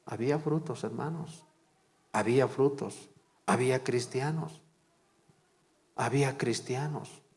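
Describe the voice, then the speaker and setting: Slow, fervent preaching man in echoey church. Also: mid-range voice, a little mellow. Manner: fervent, repetitive preaching with rhetorical questions to the congregation. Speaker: pastor. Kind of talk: preaching a sermon.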